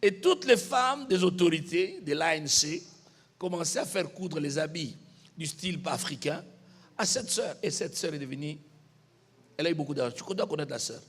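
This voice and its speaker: Excitable preacher guy, high husky voice, shouts and laughs, echoey church hall. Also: normal speed. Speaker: pastor. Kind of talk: sermon.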